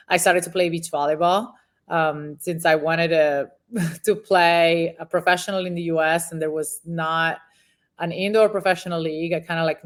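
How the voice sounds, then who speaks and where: Speaking at a fairly low pitch, this former pro volleyball player from Venezuela, a woman in her thirties, shares her story in a relaxed interview. She often says um and restarts her sentences.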